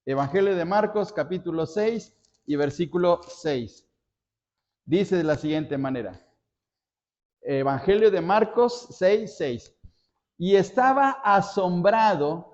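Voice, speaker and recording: A man's voice: sits high, expressive, slow, dull audio. A man preaching a sermon as pastor, telling stories with big dramatic rises and drops in his voice. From Mexico.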